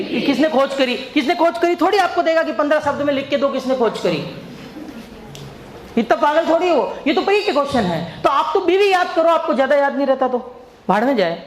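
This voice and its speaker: A male coaching teacher delivers an exam-prep biology lecture in a very high, expressive voice at a fairly quick pace. He jokes, tells stories, and quizzes the class again and again with repeated questions. The recording has an echoey room and faint background noise.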